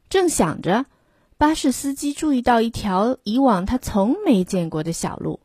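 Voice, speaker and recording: A woman reads a children's storybook aloud at an unhurried pace, in a slightly breathy voice. Her pitch rises and falls a lot, with a lively sing-song lift, and the recording is close and dry. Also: dry recording. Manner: gentle, lively storybook reading with voices for the characters. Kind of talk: bilingual picture-book reading.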